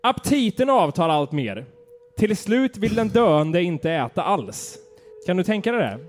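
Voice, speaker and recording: A man's voice: high-pitched, big pitch swings, soft background music. A man co-hosting a casual chat podcast, reading grim facts aloud in a playful, laughing way. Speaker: podcast host.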